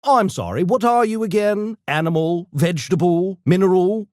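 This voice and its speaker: A man's voice: high-pitched, normal speed, a little mellow, no room sound, clean studio sound, lightly acted. A man playing a small, smug, erudite gremlin genius in a video game, with pompous, wordy, mock-genteel diction and mischievous menace. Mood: dry, condescending. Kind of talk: video game character voice lines.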